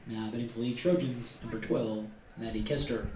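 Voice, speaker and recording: A man's voice: medium pitch, steady tone, normal speed. A man working as an echoing stadium announcer, formally introducing batters over a distant public address system. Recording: distant stadium PA, crowd around. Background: crowd at a softball field.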